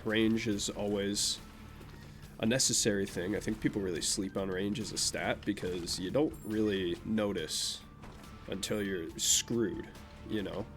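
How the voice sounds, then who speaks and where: Over game music, a young Vermonter with a naturally nasal voice rambles through gameplay commentary and offhand chat about his life, often poking fun at himself. His voice is on the low side, with fairly even intonation and an unhurried pace.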